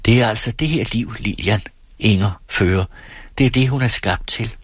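A man voicing a brooding, earnest thirty-one-year-old man in a read-aloud story, speaking in a measured, hushed way. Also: lowish voice, slightly rough, no room sound. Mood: wry.

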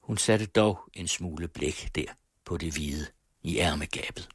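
A man reading a novel aloud on the radio, measured, letting phrase ends fall away. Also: low voice, breathy edge, no echo, studio quality. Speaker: radio reader.

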